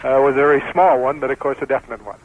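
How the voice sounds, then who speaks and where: An American man giving a casual, halting live eyewitness storm report as a radio spotter. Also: mid-range voice, fairly even intonation. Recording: tinny phone-like line on 1960s radio, faint noise.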